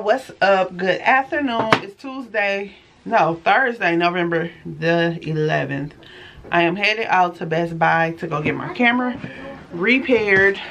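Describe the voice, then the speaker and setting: A woman's voice: fairly low pitch, vocal fry, fairly bright tone. Lady vlogging on a handheld cam, talks to y'all a lot, swears freely, bit of hiss behind her. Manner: blunt, swears freely when venting; chatty, keeps addressing viewers as y'all. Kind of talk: casual vlog chat to camera.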